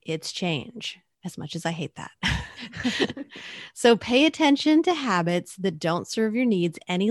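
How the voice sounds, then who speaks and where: A woman's voice: mid-range voice, dry recording, clean studio sound. A woman co-hosting a podcast, giving advice in a friendly, matter-of-fact way. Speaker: podcast co-host. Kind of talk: casual podcast chat.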